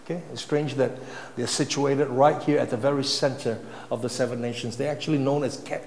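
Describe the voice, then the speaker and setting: A man preaching a sermon, emphatic, swinging between loud and soft phrases. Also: medium pitch, fairly even intonation, fairly quick, slight background noise. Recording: echoey hall, faint ambience.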